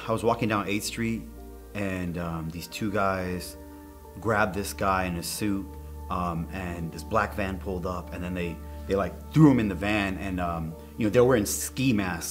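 A man's voice: sits low, moderate pace, soft background music, natural voice. A middle-aged man acting as a nervous, awkward witness under police questioning, hesitant, evasive and rambling. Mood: uneasy, defensive. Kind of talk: naturalistic screen acting, interrogation scene.

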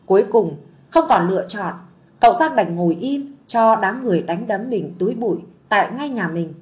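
A woman narrating a village story in a gentle, soothing way. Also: medium pitch, expressive, moderate pace.

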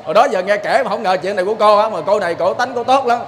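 High-voiced Southern Vietnamese man preaching. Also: racing, fairly bright tone. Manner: folksy, keeps asking "see?" of the listeners. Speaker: Buddhist lay preacher. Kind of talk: sermon with storytelling.

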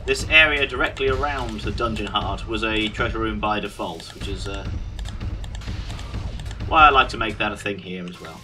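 Male game streamer, British accent, dry mock-grumpy humour, fairly low voice, music underneath. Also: normal speed, pushed and bright. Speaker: gaming video host. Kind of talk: casual gameplay commentary.

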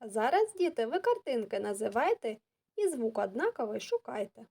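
A woman teaching children, reciting rhymes in a slow sing-song manner. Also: fairly high pitch, big pitch swings, mellow, slightly rough. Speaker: kindergarten teacher. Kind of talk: classroom lesson with rhymes.

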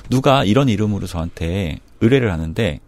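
A man's voice: fairly low pitch, lively intonation, brisk, a little mellow, no room sound. A man, a tattoo artist and union leader, telling a story in conversation and acting out phone calls.

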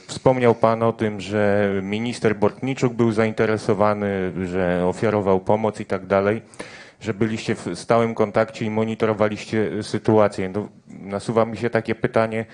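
A man with a somewhat low voice questions a federation official at a press conference. He presses on with follow-up questions and will not let the point drop. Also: darkish tone. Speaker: sports journalist.

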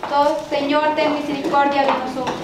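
A woman with a Mexican accent leading liturgical prayers and readings at a church mass, in a measured recited cadence with occasional restarts. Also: high voice, flat delivery, a loud crowd. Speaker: lay prayer leader. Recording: very echoey church with background noise.

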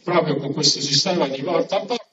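A man giving an impassioned, booming political speech at an outdoor rally, with emphatic repetition and rhetorical questions. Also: fast talker. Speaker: local politician speaking at a campaign rally. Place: large town square at night, outdoors. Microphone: stand microphone through PA, filmed by far camera. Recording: echoey distant lo-fi outdoor PA, crowd noise.

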